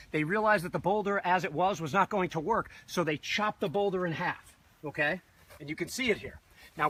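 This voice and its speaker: A man's voice: high-pitched, fairly bright tone, husky, poor audio. A man giving an enthusiastic, conversational walking tour outdoors on a battlefield, streamed live on a phone. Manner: enthusiastic, conversational, lots of "you know". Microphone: phone livestream.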